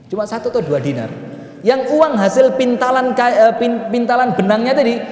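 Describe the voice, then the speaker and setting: A man's voice: extremely high pitch, normal speed. A man with a Javanese accent preaching a story-filled sermon, adding sound effects and quizzing his listeners. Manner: lively storytelling with sound effects and questions to the audience. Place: mosque. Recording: echoey mosque hall.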